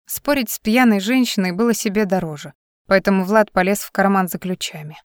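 A woman narrating a novel as an audiobook in an even, measured way. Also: mid-range voice, no echo, clean studio sound. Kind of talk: scripted narration.

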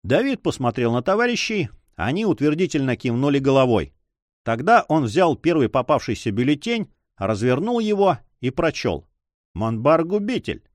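An audiobook narrator, a man with a mid-range voice at normal speed, gives a dramatic, expressive scripted reading of an adventure novel. The sound is dry and clean, as in a studio.

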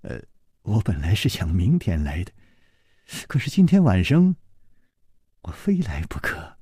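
A playful young swordsman, voiced by a male storyteller, murmurs in a low, soft, teasing tone. His voice is husky and unhurried. The recording is dry and close. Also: wildly swooping pitch, no echo, heavily acted. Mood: teasing, tender.

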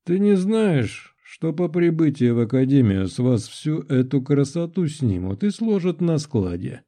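Male narrator doing a booming, high-set count, dark-toned and commanding; audiobook. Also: big pitch swings, measured pace. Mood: jovial. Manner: booming, jovial, stern orator. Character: proud middle-aged nobleman count, commanding father. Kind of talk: audiobook character voice.

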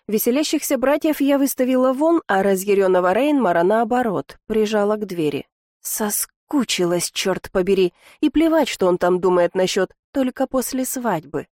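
A woman narrating a first-person audiobook in a wry, ironic tone, her voice in an even middle register. The sound is dry and close, with no room around it. She tells the story with lively, knowing asides. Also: mid-range voice, normal speed, no room sound.

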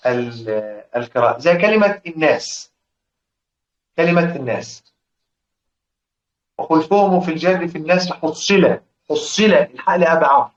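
A man's voice: fairly high pitch, expressive. Egyptian man teaching in an echoey room. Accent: Egyptian Arabic. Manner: questions the class, answers himself, chants quoted verse slowly. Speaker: Quran recitation teacher. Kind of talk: religious lesson explaining verse. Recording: echoey room, dull lo-fi sound.

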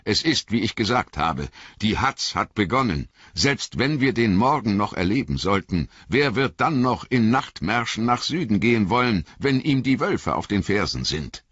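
A man voicing a stern, commanding old wizard who speaks gravely and forcefully. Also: fairly low pitch, sing-song, normal speed, few pauses, no echo, lo-fi sound, voice pushed up, heavily acted.

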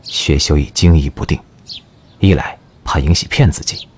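A man narrating an audio drama in an expressive storytelling manner. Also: very deep voice, normal speed, breathy edge.

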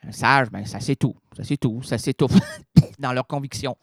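A man's voice: mid-range voice, a little slow, creaky, dry recording, studio quality. A man hosting a radio show, rambling playfully through a comic retelling full of wordplay and stammered restarts. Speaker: radio host. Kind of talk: absurd comic storytelling on radio.

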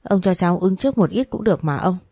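A woman's voice: on the low side, expressive, fast talker, warm tone, husky, no echo, studio quality. A woman voicing a desperate young woman worker who pleads urgently for her wages. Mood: pleading.

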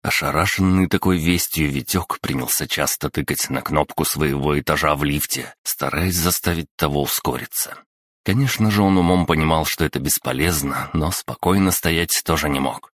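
A male audiobook narrator with an extremely deep voice tells the story steadily and expressively. The recording is close and dry. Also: normal speed, a bit bright, no echo. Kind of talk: scripted narration.

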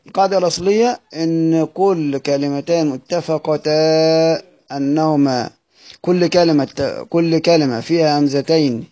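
A man with an Egyptian Arabic accent gives a patient lesson, his voice slightly high and soft in tone. He slows down to repeat words sound by sound and poses his own questions before answering them. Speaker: teacher of Quranic readings. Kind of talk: explanatory lesson.

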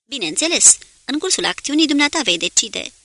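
A woman reading the lines of a calm, dry male naval commodore in an audiobook. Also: high voice, no echo, pitched above the performer's own voice, full character voice.

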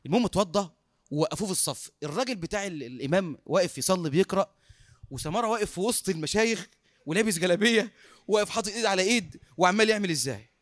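A man with an Egyptian accent preaching through a lively story, acting out the dialogue and laughing often. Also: high-pitched, racing, no room sound. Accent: Egyptian Arabic. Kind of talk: sermon storytelling.

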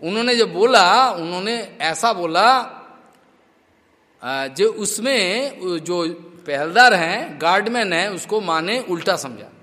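A man's voice: high-pitched, animated, slow pace, sharp tone, in a large hall. A man giving a devotional scripture discourse, telling stories in a chatty way with laughs. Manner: chatty storytelling with laughs and acted quotes. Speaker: preacher.

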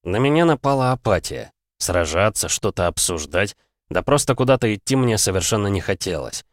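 A man narrating a novel chapter in first person, with a measured, steady reading on a close mic. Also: fairly low pitch, no echo. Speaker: audiobook narrator.

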